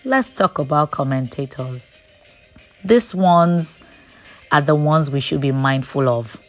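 A woman hosting a short devotional message, speaking in a deliberate, emphatic preaching manner. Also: low voice, faint music behind. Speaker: devotional host.

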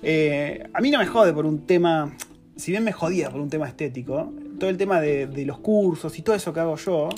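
A man's voice: fairly high pitch, a little fast, a little mellow. Argentine guy in his 30s, casual self-mocking chat, guitar music playing under. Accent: Rioplatense Spanish. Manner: slangy, self-mocking storyteller. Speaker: podcast co-host, course creator.

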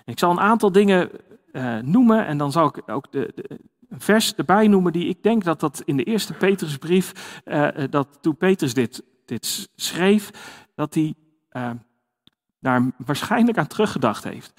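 High-voiced man preaching in a reverberant hall. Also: lively intonation, unhurried. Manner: conversational, with frequent fillers and restarts. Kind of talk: sermon.

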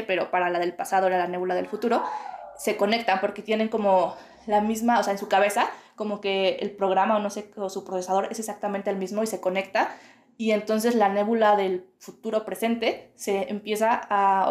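A young woman muses aloud as a podcast host, her mid-pitched voice carried by a roomy, echoing room. She talks in loose, winding phrases full of fillers. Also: darkish tone. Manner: musing, many fillers like "o sea" and "como". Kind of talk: reflective spiritual monologue. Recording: roomy, echoey home room.

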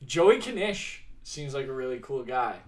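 Male podcast guest, unhurried, animated, casual chat. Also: medium pitch.

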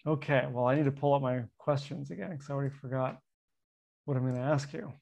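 A middle-aged man hosting a podcast in natural, unscripted casual talk, friendly and quick to poke fun at himself. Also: medium pitch, fairly even intonation, creaky, crowd noise. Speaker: podcast host interviewing a friend. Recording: dull lo-fi sound.

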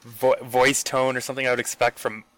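A man co-hosting a podcast, talking casually in a halting, exasperated way with restarts and repetition. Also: mid-range voice, level tone, fairly bright tone, no room sound, low-quality recording. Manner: exasperated, halting, repeats himself. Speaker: podcast co-host. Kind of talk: casual chat.

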